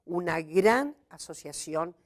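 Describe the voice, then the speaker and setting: A woman from Argentina, a gender studies scholar, giving a measured academic talk for a seminar, pausing often with hesitant fillers. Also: on the low side, lively intonation.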